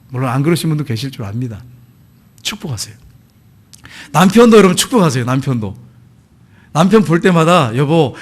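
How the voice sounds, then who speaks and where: A man preaching a sermon, blessing the congregation and repeating key phrases, with sudden drops from emphatic to quiet. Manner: animated, swings between loud emphatic lines and low quiet asides. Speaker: pastor.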